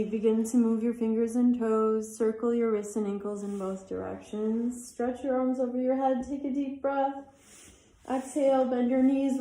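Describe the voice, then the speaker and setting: A woman's voice: a little high, dark tone, roomy sound. A woman teaching a guided yoga class who chats between instructions and sounds tired. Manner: chatty, apologizes for talking too much. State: tired, yawning. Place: athletic club room.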